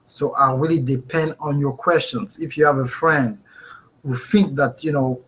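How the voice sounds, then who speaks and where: Speaking into a webcam mic from his home office, a French-accented man hosts a live webinar and teaches his online class. He sounds earnest and animated, with a mid-range pitch and a moderate pace, and he checks in with viewers often.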